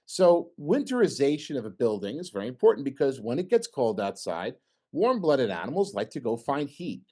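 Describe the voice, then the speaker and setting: A man's voice: mid-range voice, big pitch swings, moderate pace, darkish tone. A middle-aged man presenting a talk with slides at an engineering meeting, joking and putting questions to the audience. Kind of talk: informal technical talk with slides.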